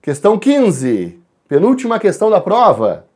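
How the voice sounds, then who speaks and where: Brief: Brazilian prep-course teacher with a lively, swinging pitch, speeding up and slowing down between points. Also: husky. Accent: Brazilian Portuguese. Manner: talks to the class, spells out letters and counts sounds aloud; shifts between quick asides and slow stressed words. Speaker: Portuguese teacher. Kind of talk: recorded exam-correction class.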